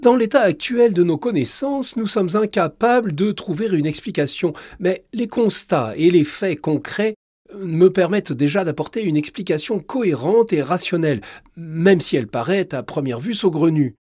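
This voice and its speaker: A man reading aloud plays a passionate male scientist, pitched well above his own voice and pressing each point loudly. The voice is husky and dry, and it swings up and down as he argues. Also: lively intonation, normal speed, no room sound. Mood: fervent. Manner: fervent, emphatic.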